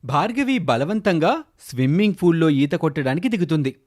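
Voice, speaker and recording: A man narrates a scripted children's story a little fast, his voice on the high side. His intonation is animated and swings widely.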